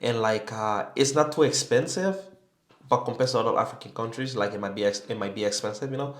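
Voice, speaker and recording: A young man from Sierra Leone talks quickly through a casual video reaction, filling every pause with "like" and "you know". His mid-pitched voice bounces around an echoey room. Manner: rambling, heavy on "like" and "you know". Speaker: YouTube reactor.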